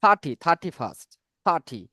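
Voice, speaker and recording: High-voiced teacher drilling English numbers. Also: male voice, very animated, sharp tone. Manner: repeats each word slowly for learners to echo.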